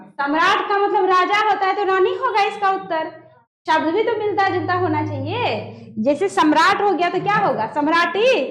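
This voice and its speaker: High-voiced woman teaching a Hindi grammar lesson. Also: normal speed, a bit bright, echoey room. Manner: quizzing the students, answering her own questions. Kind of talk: classroom-style grammar lesson.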